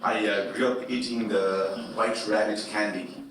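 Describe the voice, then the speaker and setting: Brief: man from Nepal, low and very slow, echoey room, distant mic, music. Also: steady tone.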